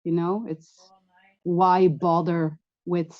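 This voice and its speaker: A woman's voice: lowish voice, level tone, slow pace. A woman co-hosting a casual chat who agrees often and speaks tentatively. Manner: agreeable, frequent backchannels. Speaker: podcast co-host. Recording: dull lo-fi mic.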